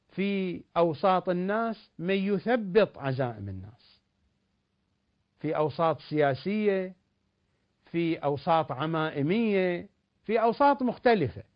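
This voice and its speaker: A man giving a religious lecture in a measured, emphatic delivery with rising and falling stresses. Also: fairly high pitch, dull audio.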